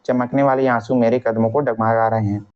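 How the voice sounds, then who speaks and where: A man's voice: medium pitch, flat delivery, fairly quick, clean tone, natural voice. A man reading the lines of a young revolutionary facing execution who is tender toward his mother, plainly and aloud from a textbook. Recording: dull lo-fi recording.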